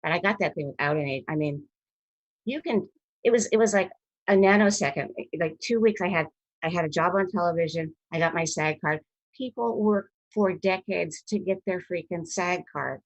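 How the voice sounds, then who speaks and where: A woman in her fifties, an actress being interviewed over a video call, telling rambling, animated stories from her career and often breaking off mid-sentence. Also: fairly low pitch, moderate pace, dry recording. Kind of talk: casual storytelling interview.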